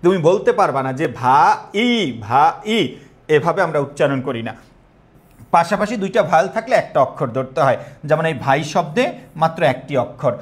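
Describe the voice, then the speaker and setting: A young man with a Bangladeshi Bengali accent teaches a live online exam-prep class, repeating questions and quizzing his students. His voice is a little high, animated and a little fast.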